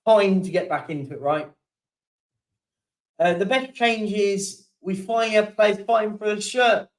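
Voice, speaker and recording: A man's voice: high voice, a little slow, far from the mic, poor audio. A young man hosting a casual live-stream chat, reading out viewer comments and yawning now and then. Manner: chatty, keeps yawning and apologising.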